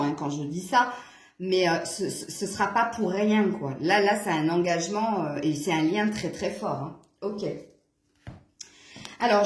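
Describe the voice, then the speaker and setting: A woman's voice: mid-range voice, reverberant. A woman from eastern France with a fading southern French accent, doing a casual, chatty card reading and often breaking off with laughs or to scold her cat. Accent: southern French fading toward Franche-Comté. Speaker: card reader. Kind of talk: casual tarot reading to camera.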